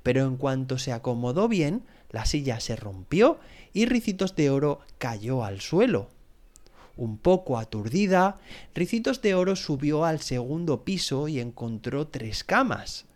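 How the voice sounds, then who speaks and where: A man narrating a children's story with an expressive, animated reading as a podcast host. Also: medium pitch, a little slow. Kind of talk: scripted bedtime story narration.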